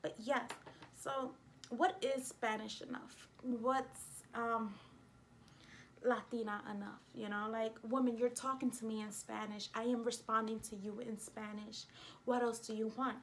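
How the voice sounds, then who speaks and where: A New York-accented American woman vlogs straight to camera in an unhurried, casual, expressive way, emphatic and openly indignant. Her voice is a little high, and faint background hiss is audible.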